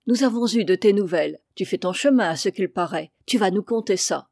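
A woman's voice: medium pitch, moderate pace, warm tone, no echo, studio quality, lightly acted. A woman voicing a hearty, jovial old farmer who was once a soldier.

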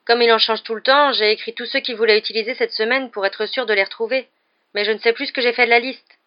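A woman's voice: a little high, steady tone, fast, muffled recording, pitched above the performer's own voice, natural voice. A woman reading a story aloud, voicing a forgetful, anxious teenage boy who talks in a fretful, lamenting way.

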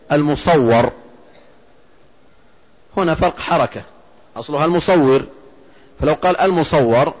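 A man's voice: medium pitch, lo-fi sound. Man teaching a religious lesson. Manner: measured explanatory teaching, reciting verse and quoting. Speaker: Islamic scholar teaching a text.

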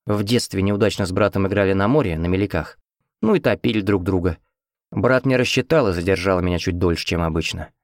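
A man narrating an audiobook in the first person with a steady, even reading. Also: low voice, brisk, no room sound, studio quality. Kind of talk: scripted narration.

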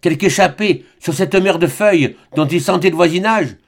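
A man narrating a classic novel as an audiobook in a calm, measured way. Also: high voice. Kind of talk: literary audiobook reading.

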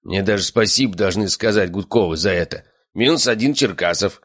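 A man doing a callous young bully, growling low. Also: a little fast, a bit bright, no echo, studio quality. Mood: menacing. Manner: growling, hissing. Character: young male bully leader, callous and menacing.

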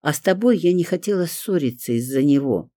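A man voicing a timid young woman heroine who speaks quietly and fearfully. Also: on the high side, animated, a little fast, no room sound, clean studio sound, pitched above the performer's own voice, lightly acted. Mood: earnest.

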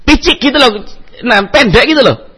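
A high-voiced male preacher lectures in a husky tone. He tells his story with animated energy, acting out the people in it and slipping in Arabic terms, his pitch rising and falling a great deal. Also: moderate pace. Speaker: Islamic preacher.

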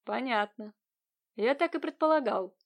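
A woman's voice: mid-range voice, brisk, darkish tone, close to an everyday voice. Woman voicing a brooding young peasant man. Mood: bitter.

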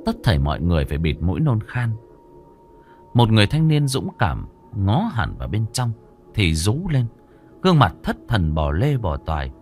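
A man narrating a ghost story in a suspenseful, expressive way. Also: fairly low pitch, normal speed, faint music behind.

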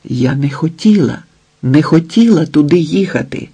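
A man voicing a desperate young wife, pleading tearfully, in a husky, gravelly voice. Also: fairly high pitch, expressive, moderate pace, dark tone, exaggerated voice.

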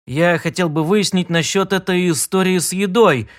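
A man voicing an indignant, belligerent grown-up citizen who makes loud demands. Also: high voice, normal speed, pitched above the performer's own voice, natural voice. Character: Sid, indignant respectable male citizen.

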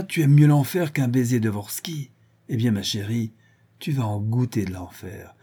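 A man reads an audiobook as a cruel, deranged villain, gloating and ranting in a husky voice. He sounds raging, alternating between loud shouting and low hissing.

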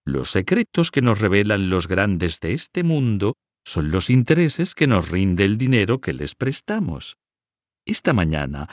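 A man voicing a cunning older banker who speaks smoothly and persuasively. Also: fairly low pitch, darkish tone, dry recording. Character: cunning older Italian male banker, soft-spoken.

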